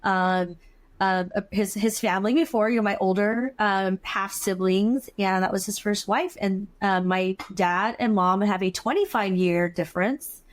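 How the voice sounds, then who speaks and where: A woman from California, a podcast host, speaking in an affirming, thoughtful way, with frequent pauses on "um.". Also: mid-range voice. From California, USA. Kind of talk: casual conversational interview.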